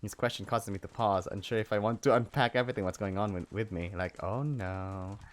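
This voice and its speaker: A man's voice: fairly low pitch, a little fast. Playful man reading a game aloud. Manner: playful, jokey, breaks into loud yells. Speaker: let's play gamer. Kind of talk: reading a visual novel aloud.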